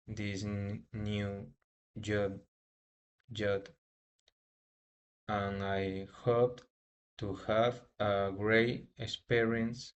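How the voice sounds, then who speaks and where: Very slow, halting Peruvian man. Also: fairly low pitch, clean tone. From Peru. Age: 30s. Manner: halting, restarts cut-off words. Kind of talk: read self-introduction for an English class.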